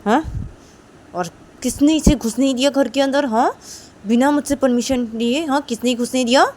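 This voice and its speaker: A woman voicing a stern, rich woman boss who barks loud scolding orders at her guards. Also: high voice, normal speed, voice pushed up, lightly acted. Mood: angry commanding.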